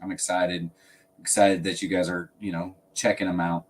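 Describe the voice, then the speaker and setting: A man chats loosely with his viewers during a live stream, drifting between thoughts and laughing often. His voice sits a little low. He sounds like he is at a desk mic at home. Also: flat delivery, moderate pace, slightly rough. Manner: laid-back, rambling, laughs often. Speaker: fragrance channel host. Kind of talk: casual livestream chat.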